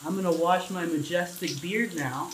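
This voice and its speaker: A man's voice: sits high, moderate pace, a bit bright. Casual male podcast host, talking while showering; reverberant bathroom with water noise behind. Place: running shower, indoors. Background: running water.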